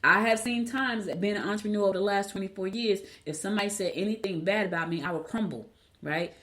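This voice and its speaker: A woman's voice: mid-range voice, fast, fairly bright tone. A middle-aged woman hosting a motivational solo podcast, speaking candidly with repeated phrases for emphasis, her words slightly slurred and stumbling from braces. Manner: talks with braces, stumbling over words at times. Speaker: podcast host.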